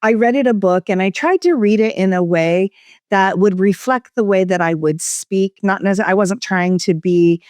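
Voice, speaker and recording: A woman talks through her work as an interview guest, her pitch and pace rising and falling to keep the listener engaged. Her voice is smooth and clear. The sound is dry and close, with no room echo. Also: moderate pace. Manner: varied, expressive inflection. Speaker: guest expert. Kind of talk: conversational interview. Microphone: studio microphone.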